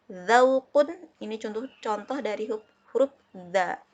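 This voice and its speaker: A woman from Indonesia teaching an Arabic lesson, patiently repeating herself and slowly sounding out each example. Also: medium pitch, dull audio. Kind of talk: classroom lesson explaining letters.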